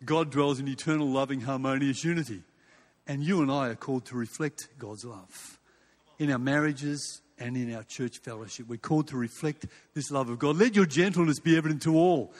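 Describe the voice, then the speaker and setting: In a large hall or church with echoing acoustics, an older Australian-accented man from Western Australia preaches at a moderate pace in a mid-range voice. His sermon feels like casual storytelling, leaning on repetition and rhetorical questions.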